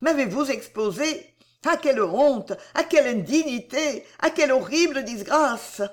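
A wounded young heroine of an old novel, her voice lifted high and quivering with shame and indignation, done by a woman reading aloud. The pitch swings widely from line to line. This is an audiobook reading. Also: animated, measured pace. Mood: distressed.

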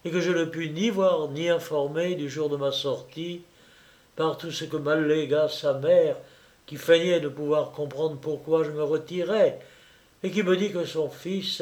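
A man reading a classic novel aloud in a measured, literary storytelling manner. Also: fairly high pitch. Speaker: audiobook reader. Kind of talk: scripted literary narration.

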